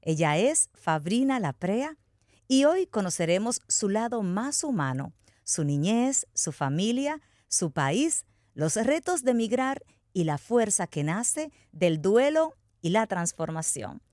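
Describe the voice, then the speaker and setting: A woman's voice: mid-range voice, big pitch swings, takes it slowly, a little mellow, no room sound. Woman host of an interview podcast, dry studio sound, polished and chatty. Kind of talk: hosting an interview.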